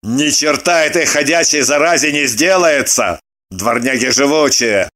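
A fussy, short-tempered husband, as the reader voices him, dragging out each grudging word at a slow pace. His retorts come clipped and snapped through gritted teeth, full of disgust for dirt. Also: medium pitch, pushed and bright, no echo. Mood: irritated. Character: fastidious, irritable middle-aged husband, squeamish about dirt. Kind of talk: storybook reading.

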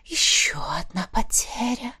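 A woman's voice: a little high, very animated, unhurried, pushed and bright, slightly rough, no room sound, studio quality, exaggerated voice. Woman whispering as a cruel taunting chaos spirit. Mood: mournful taunt. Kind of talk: whispered role-play.

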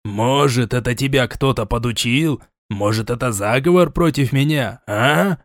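A man's voice: mid-range voice, a little slow, no echo, studio quality, lightly acted. A man voicing a stern older prince who scolds, sighs and turns suspicious. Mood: scolding. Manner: scolding, sighing, sarcastic.

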